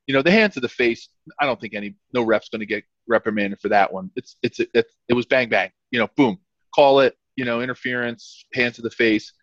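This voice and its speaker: Male sports podcast pundit, mid-pitched, conversational and halting, emphatic repeats, lo-fi dry sound. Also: a bit bright, no echo. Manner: emphatic, repetitive, halting phrasing. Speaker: football podcast co-host. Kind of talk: casual sports commentary. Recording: dull, slightly lo-fi sound.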